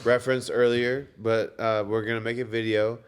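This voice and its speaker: A male musician guest on a podcast, excitable and slangy in casual chat. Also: medium pitch, normal speed, slight background noise.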